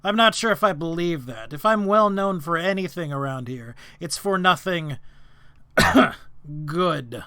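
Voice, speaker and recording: A man's voice: fairly high pitch, expressive, unhurried, sharp tone, smooth, dry recording. A man voicing a stern male demon lord who is suspicious and blunt.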